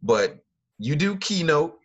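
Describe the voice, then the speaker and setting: A man's voice: fairly high pitch, sing-song, slow pace, fairly bright tone. A man hosting a podcast, affirming his guest often and chatting casually. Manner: affirming, frequent backchannel responses. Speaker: podcast host.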